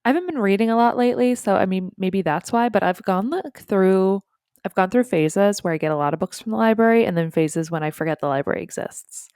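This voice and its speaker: A woman co-hosting a podcast in casual chat, reacting quickly and keeping the talk going. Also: medium pitch, expressive, darkish tone, smooth, no echo, studio quality. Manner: attentive listener, quick reactions and backchannels. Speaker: podcast co-host.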